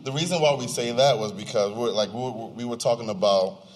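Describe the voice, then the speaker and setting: In a mid-range voice, a little fast, a young US podcast co-host of Nigerian descent chats informally with slang to a live audience. The venue recording is slightly distorted.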